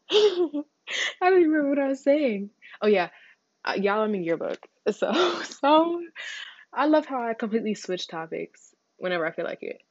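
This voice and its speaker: A woman's voice: lowish voice, no echo. Rambling chatty teenage girl, muffled. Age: teens. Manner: rambling, fast, words run together, slangy, says y'all a lot. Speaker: podcast host. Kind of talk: casual solo chat.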